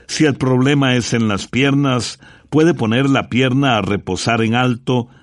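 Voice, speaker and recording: A man's voice: medium pitch, measured pace, no room sound, studio quality. A man co-hosting a radio program, giving plain, instructive scripted narration.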